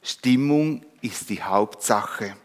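Hushed cozy owl, man reading, slow, echoey church. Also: fairly low pitch. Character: cozy owl liking dim candlelight. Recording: reverberant church hall.

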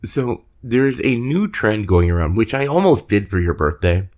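A man's voice: lowish voice, very animated, normal speed, a little mellow. A young adult man co-hosting a podcast, trading teasing, laid-back banter. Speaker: podcast co-host. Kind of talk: casual chat.

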